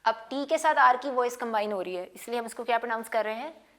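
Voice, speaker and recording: A woman's voice: fairly high pitch, animated, fast, fairly bright tone. A woman teaching a phonics lesson, mixing English words into Hindi and repeating each sound several times. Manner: drills sounds by repeating them. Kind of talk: slow classroom lesson.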